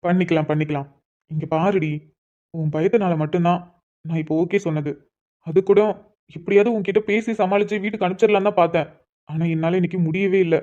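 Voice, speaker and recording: A woman's voice: on the low side, fairly even intonation, quick pace, pauses often, warm tone, muffled recording, natural voice. A woman voicing a young man, a would-be police officer who teases and coaxes his tearful sweetheart in a cartoon love story. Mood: gentle. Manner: affectionate teasing, coaxing. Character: young man, police aspirant, teasing but tender fiancé. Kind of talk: cartoon voice acting.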